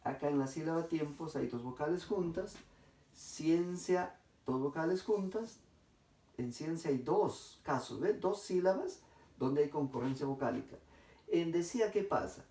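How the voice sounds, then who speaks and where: A man's voice: fairly high pitch, animated, warm tone. Methodical man teaching in an echoey room. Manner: methodical, addresses class, dictates slowly syllable by syllable. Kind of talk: grammar lesson. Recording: echoey room, distant mic.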